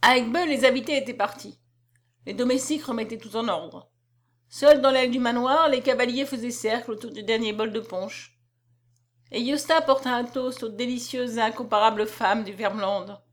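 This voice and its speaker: A woman's voice: on the high side, normal speed. Woman reading a novel aloud dramatically. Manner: dramatic, expressive narration. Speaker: narrator.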